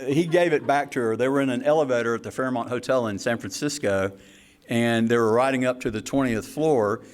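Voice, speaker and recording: A middle-aged man speaks into a mic at a party, telling stories about his parents in an easy, chatty way. His pitch sits in the middle of a man's range. He drifts into little asides and chuckles as he goes. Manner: warm storytelling with laughs and asides. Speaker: son giving a tribute speech. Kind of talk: anniversary party speech. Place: party hall with a crowd.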